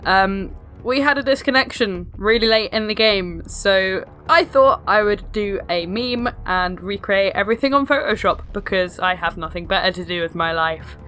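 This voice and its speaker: A woman with a hoarse, sick-sounding smoker's rasp, giving casual, sarcastic, sweary game commentary. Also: medium pitch, moderate pace, bright, forceful tone. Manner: sarcastic, self-deprecating, sweary. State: ill, hoarse. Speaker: video host narrating own battle. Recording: music behind the voice. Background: music.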